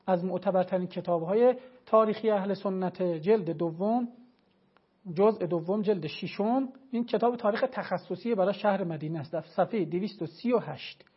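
Religious scholar type, man, argues hard and emphatically; muffled, low-fidelity broadcast sound. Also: slightly rough. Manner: emphatic, argumentative, cites sources. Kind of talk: televised religious lecture.

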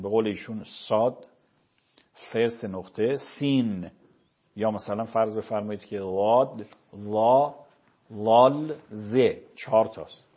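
Male cleric, husky and raspy, patient explainer, slightly muffled audio. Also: on the low side. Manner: measured, explanatory, quotes scripture. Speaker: cleric answering religious questions. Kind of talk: explaining religious rulings on a show.

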